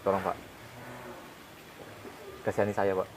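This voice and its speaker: An actor playing a poor, patient husband who drives a motorbike taxi, speaking gently and pleading, in a web drama. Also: male voice, deep voice, completely flat delivery, measured pace, a little hiss or hum. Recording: music playing underneath. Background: guitar music.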